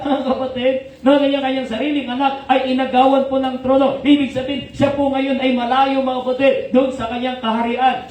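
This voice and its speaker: A male pastor with a Filipino accent preaching, mixing Tagalog and English, calling out "Amen?" and swinging between shouts and soft speech. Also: very high-pitched. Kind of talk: sermon. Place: church hall. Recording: very echoey hall, mic at distance, faint noise.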